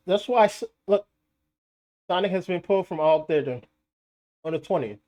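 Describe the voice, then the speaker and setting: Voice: medium pitch, measured pace, heavy background noise. A live streamer giving argumentative commentary, insisting on points over and over and mocking critics with rhetorical questions. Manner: insistent, repeats points for emphasis. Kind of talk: live-stream commentary on box office numbers.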